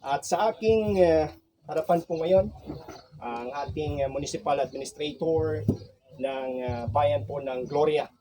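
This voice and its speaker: A Filipino man works as a radio field reporter. His voice sits a little high, with a very mellow, dark tone. He speaks politely and formally, stretching out small hesitations as he reports. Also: unhurried, slight background noise. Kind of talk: radio news reporting and interview.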